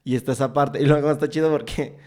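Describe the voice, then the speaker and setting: Un hombre con acento mexicano que conduce un pódcast y conversa de forma casual, contando escenas con muchas muletillas. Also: male voice, fairly high pitch, steady tone, fast, darkish tone. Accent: Mexican Spanish. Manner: chatty, retells scenes at length with filler words. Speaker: podcast host interviewing a guest.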